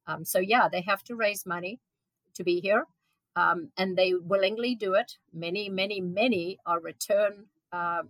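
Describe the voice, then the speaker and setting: Earnest and full of ums and restarts, a woman in her seventies from South Africa answers an interviewer's questions as a guest event organizer. The recording is rough with no echo, and her lowish voice is a bit bright.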